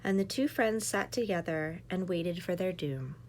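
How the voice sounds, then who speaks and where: A woman's voice: fairly low pitch, moderate pace, a little hiss or hum. A woman in her thirties, a mother, reading a children's picture book aloud with playful asides to young listeners. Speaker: children's story reader, mother.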